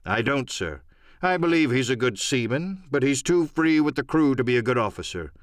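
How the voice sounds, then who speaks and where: A man's voice: mid-range voice, animated, moderate pace, dry recording, natural voice. A stern, middle-aged sea captain, acted by a man for an audio adventure play. He speaks bluntly and formally in clipped phrases, plain and dutiful, with a close, dry sound. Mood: curt, disapproving. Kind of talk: audiobook radio-play acting.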